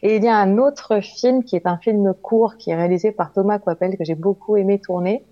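A woman's voice: mid-range voice, fairly quick. A woman actress being interviewed, chatting openly with frequent hesitations. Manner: chatty and warm, many hesitations. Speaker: actress and voice actor guest. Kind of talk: interview answers. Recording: dull lo-fi sound.

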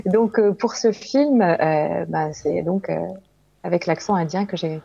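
A woman actress answers interview questions in a chatty, unhurried way, pausing often to search for words. Her voice is mellow and dark. The sound is dull and lo-fi. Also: lowish voice, creaky, slightly rough. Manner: chatty and warm, many hesitations. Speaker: actress and voice actor guest.

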